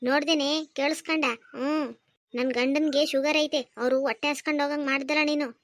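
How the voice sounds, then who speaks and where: A woman's voice: sits high, fairly even intonation, brisk, no echo, studio quality. Woman voicing a bossy scolding mother-in-law. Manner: sharp scolding, taunting. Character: domineering scolding middle-aged mother-in-law. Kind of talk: cartoon voice acting.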